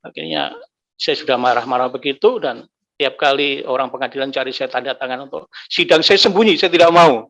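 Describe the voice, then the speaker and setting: A man telling his personal faith testimony, emotional, his voice climbing high when he recalls anger and grief. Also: lively intonation, brisk, a bit bright. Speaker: guest giving a testimony. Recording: dull lo-fi recording.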